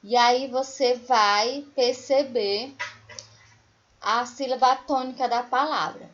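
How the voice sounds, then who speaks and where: Woman teacher, slow and patient, fairly high voice, sings out example words, slightly dull lo-fi recording. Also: a bit bright. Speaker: primary school teacher. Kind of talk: recorded remote lesson for children.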